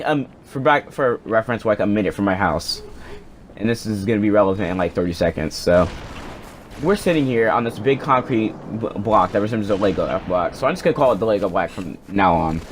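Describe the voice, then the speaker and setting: A man's voice: lowish voice, slight background noise. A young man casually telling a personal story, rambling, swearing and restarting his sentences on a cheap home microphone. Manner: rambling, profane, self-interrupting. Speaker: storyteller vlogger.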